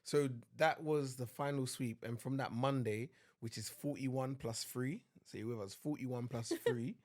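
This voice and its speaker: A young adult man co-hosting a podcast, recounting events in relaxed casual chat. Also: mid-range voice, measured pace. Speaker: podcast co-host.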